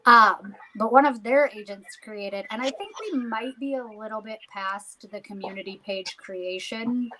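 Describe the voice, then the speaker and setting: A woman's voice: mid-range voice, unhurried, hardly any pauses, background noise. A chatty American woman co-hosting a casual video call chat about local marketing. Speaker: co-host of a realtor marketing group.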